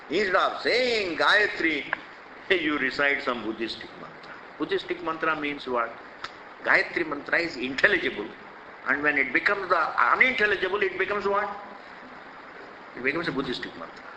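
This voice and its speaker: An older man with an Indian accent, a swami teaching scripture, delivers a spiritual discourse in an echoey hall. His voice is on the high side, pushed and bright, and he's emphatic and repetitive, full of rhetorical questions. There's slight background noise.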